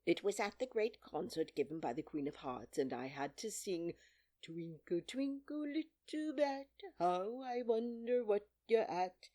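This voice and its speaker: A woman's voice: sits low, lively intonation, moderate pace, hardly any pauses, darkish tone. A woman voicing an eccentric, mournful and argumentative male hatter in a storybook, speaking emphatically and theatrically. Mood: reminiscing.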